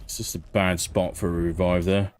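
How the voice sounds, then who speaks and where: A man's voice: low voice, flat delivery, normal speed, a little mellow. A man doing casual live commentary as he streams his gameplay. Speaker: game livestreamer. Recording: faint game noise behind voice. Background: faint shooter game sounds.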